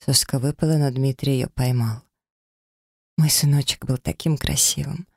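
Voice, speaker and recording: Man, audiobook narrator, dramatic emotional reading, gravelly voice, dry close sound. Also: medium pitch, steady tone, moderate pace, a little mellow, no echo. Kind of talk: audiobook narration of a first-person story.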